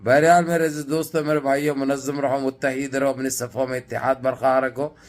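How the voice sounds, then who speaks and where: A man's voice: medium pitch, level tone, quick pace. A man giving impassioned, mocking political commentary to his viewers. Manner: fiery and mocking, addresses viewers as friends and brothers. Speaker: online news commentator.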